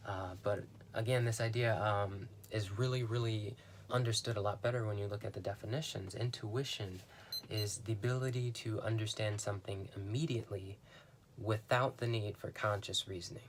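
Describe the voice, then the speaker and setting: Young man, lowish voice, musing aloud with lots of ums, faint noise behind. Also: steady tone, moderate pace. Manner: rambling, thoughtful, many fillers and restarts. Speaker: podcast host. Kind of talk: casual explanatory monologue.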